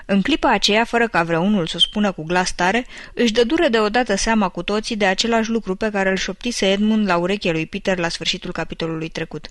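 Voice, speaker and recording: A woman reads a children's audiobook aloud in an even, measured pace of narration. She sits close to the mic in a dead dry space, her voice at a middling pitch. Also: no room sound. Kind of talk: scripted narration.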